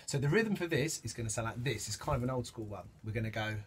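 A music teacher demonstrates samba percussion, counting beats and singing the rhythms aloud. His mid-range voice is lively and fast, and the clip is very noisy, with loud drumming behind him.

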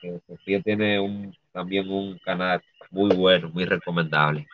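A man with a Dominican accent, a guest artist speaking haltingly and softly, with many restarts, over dull lo-fi video call audio. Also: low-pitched, flat delivery, a little hiss or hum. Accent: Dominican Spanish. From Dominican Republic. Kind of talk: emotional interview.

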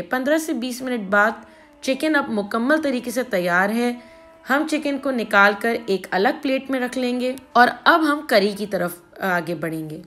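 Woman, cooking host, calm step-by-step voice-over, higher voice, faint music under. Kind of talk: recipe voice-over.

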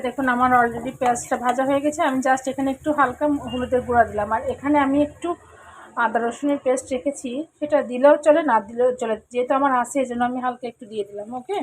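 A woman with a hoarse voice, casually talking viewers through her cooking step by step as host of a cooking channel. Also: high voice, poor audio. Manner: talks viewers through each step, mixing in English words. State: hoarse, throat trouble. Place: home kitchen. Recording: sizzling pan noise behind.

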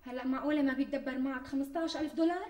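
A woman's voice: sits high, steady tone, racing, background noise, close to an everyday voice. An actress playing a greedy young wife with a Damascene Syrian accent, coaxing and guilt-tripping her fiancé in a TV sitcom. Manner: wheedling, guilt-tripping, indignant bursts. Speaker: scheming bride-to-be. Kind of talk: TV sitcom acting. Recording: distant mic with faint music.

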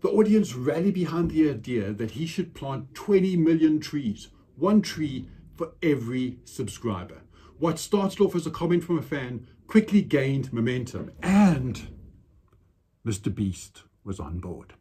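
An energetic man reads a script aloud. His voice is husky and dark. His intonation swings widely. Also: medium pitch, normal speed. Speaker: guest youtuber.

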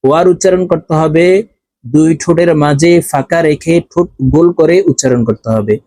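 A man with a Bangladeshi Bengali accent, teaching Quran reading with slow, drawn-out syllable drills and repeated words. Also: fairly high pitch, dark tone, dry recording. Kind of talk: step-by-step recitation lesson.

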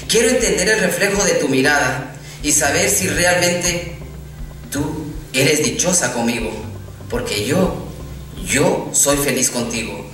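A man from Guatemala in his thirties, reading his own poem aloud from a lectern in a tender, earnest way with pauses. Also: fairly high pitch, fairly bright tone, far from the mic. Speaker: poet. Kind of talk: poetry recital. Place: large hall at a lectern. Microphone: lectern mic, recorded from a distant camera. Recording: echoey hall, voice heard from afar, faint music.

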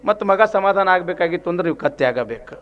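A man's voice: sits high, animated, fast talker, highs cut off. A man playing a proud, haughty government official who balks at his son's demand in a story. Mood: indignant. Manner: haughty, indignant. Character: proud, pompous district official father.

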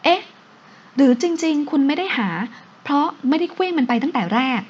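A woman's voice: sits high, brisk, pitched above the performer's own voice, lightly acted. A woman voicing a sulky, teasing young wife who speaks in a pouting, reproachful way in an audio novel, in a dull lo-fi recording.

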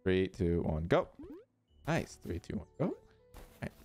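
Gamer guy, casual chat, swears when he fails, lively up-and-down voice. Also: low-pitched, a little slow, soft background music. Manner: frustrated, swearing, counting down. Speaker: streamer playing a co-op game.

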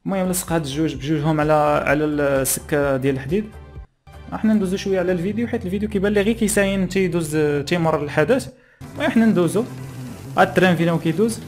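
A young man with a Moroccan accent giving casual, halting reaction commentary in Moroccan Arabic dialect as a channel host, close on a desk microphone. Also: high-pitched, a little mellow, soft background music. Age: young adult. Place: small plain room indoors.

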